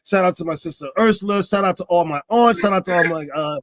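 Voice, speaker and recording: A man in his fifties hosting a casual talk show, animated, his pitch climbing when he gets excited. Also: fast. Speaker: podcast host.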